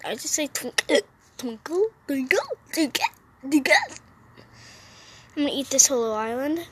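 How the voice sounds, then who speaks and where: A woman's voice: high voice, normal speed, a bit bright, slight background noise. A woman giving casual, playful commentary to her viewers while playing a mobile game, sitting outdoors on a roof. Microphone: phone.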